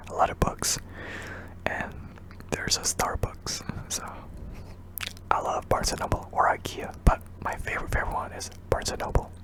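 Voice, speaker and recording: Answering viewer questions for his ASMR channel, a young man from Indonesia speaks in a hesitant whisper scattered with ums.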